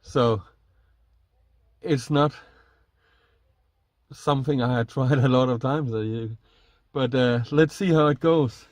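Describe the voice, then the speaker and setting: Slow, halting man in a small camper. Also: mid-range voice, no echo. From Denmark. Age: middle-aged. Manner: hesitant, halting delivery while working. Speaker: vlogger. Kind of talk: casual demonstration vlog. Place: inside a small minivan camper. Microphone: camera a short distance away.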